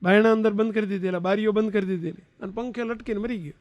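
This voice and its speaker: Brief: high, dry male preacher, animated storyteller who quizzes the children and leads chants. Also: quick pace, no room sound, highs cut off. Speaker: spiritual leader giving a religious discourse.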